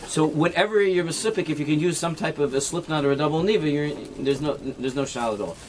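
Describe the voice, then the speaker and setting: Rabbi explaining knots step by step. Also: male voice, a little high, fast talker, a little hiss or hum. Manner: explains step by step, often checks with "right?"; mixes Hebrew and Yiddish terms into English. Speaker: rabbi teaching a class. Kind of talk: informal halacha lesson with demonstration.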